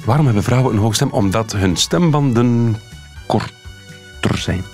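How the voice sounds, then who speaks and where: A man with a Flemish accent hosting a radio talk show, playful and quick-witted. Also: mid-range voice, animated, darkish tone, faint music behind. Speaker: radio host. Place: radio studio.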